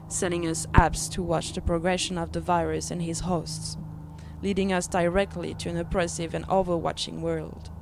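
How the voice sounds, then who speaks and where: A woman's voice: lowish voice, background noise. A woman delivering a bitter, angry spoken-word monologue in non-native English. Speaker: performance artist. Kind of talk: spoken-word art piece over music. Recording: spoken over loud music. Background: loud music.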